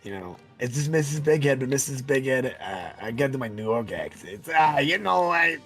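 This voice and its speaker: A man whose voice sounds worn down and gravelly, husky from hoarseness. He chats in a laid-back way on a game stream, with faint music playing underneath. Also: mid-range voice, very animated, normal speed, fairly bright tone. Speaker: friend in a game stream chat. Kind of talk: casual chat.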